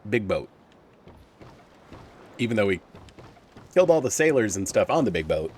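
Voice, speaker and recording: A man's voice: fairly low pitch, very animated, normal speed, breathy edge. A man giving casual, joking commentary while playing a video game, talking to himself and swearing at enemies.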